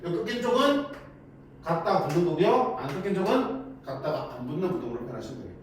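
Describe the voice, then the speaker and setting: A man's voice: fairly high pitch, very animated, quick pace. A man teaching a math lesson in a chatty way. He keeps asking students questions and then answers them himself. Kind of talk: lecture to students. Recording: echoey room, mic at a distance, faint noise.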